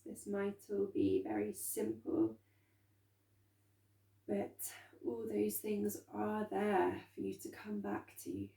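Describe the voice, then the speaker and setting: A woman guides a calm grounding exercise in a soft, dark-toned voice. She speaks very slowly and gently, leaving room between phrases. The sound is a little distant from the microphone. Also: medium pitch, gravelly. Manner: calm, gentle, unhurried instruction with soft pauses. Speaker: meditation and movement instructor. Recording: roomy echo, distant from microphone.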